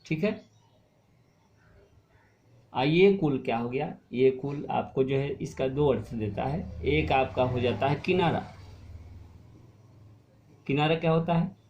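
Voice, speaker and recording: A male teacher explaining a Hindi spelling lesson to young pupils, asking questions and answering them himself, and drawing out words slowly to show how they sound. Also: mid-range voice, a little mellow, dull audio, a little hiss or hum. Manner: explains patiently, asks and answers his own questions; stretches and stresses words to show pronunciation. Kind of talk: online class lesson.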